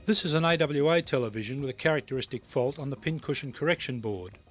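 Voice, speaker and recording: Transferred from VHS tape with music behind the voice, this technical training film features a man reading scripted instructions. He sounds precise and matter-of-fact, with a medium pitch and quick pace.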